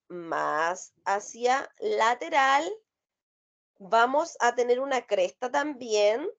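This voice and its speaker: Woman lecturing on anatomy. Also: a little high. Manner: asks questions and answers them herself. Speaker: anatomy teacher. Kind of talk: explanatory lecture. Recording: slightly dull lo-fi sound.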